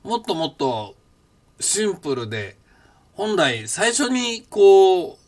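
Musing aloud about his past, this older Japanese podcast host wanders through his reflections, often restarting and leaning on fillers. His voice sits high and is very animated, though he speaks slowly with a darkish tone.

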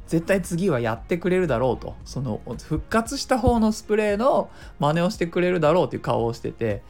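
A man's voice: sits high, very animated, a little fast, vocal fry, darkish tone, soft background music. A middle-aged man hosting a casual solo talk show, chatty and self-explaining, giving speaking tips and dropping in little sound imitations. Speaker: podcast host.

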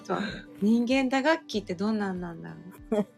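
A woman co-hosts a casual live chat. She keeps up steady murmurs of agreement and laughs softly now and then. Faint guitar music plays underneath. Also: mid-range voice, a little fast, vocal fry. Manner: warm, frequent agreeing murmurs, soft laughs. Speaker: co-host of a couple's podcast.

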